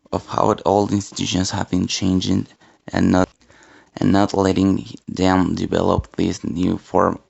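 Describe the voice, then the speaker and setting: A man narrating a scripted report in halting, phrasing. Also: low-pitched, vocal fry, a little mellow. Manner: halting reading with non-native phrasing. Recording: dull lo-fi home recording.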